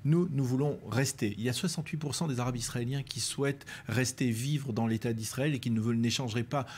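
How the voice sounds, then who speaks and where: A man giving analysis on a TV news panel, measured and hesitant, pausing often with fillers. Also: mid-range voice, darkish tone, breathy edge. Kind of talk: TV news debate.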